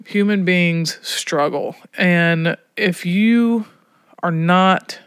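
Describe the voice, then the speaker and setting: Speaking very slowly and smoothly in a lowish voice, this Alabama woman, a prison education program director, shares reflective stories during an interview. She's emphatic and frequently adds "right?" to check in, and the studio recording is clean with no echo.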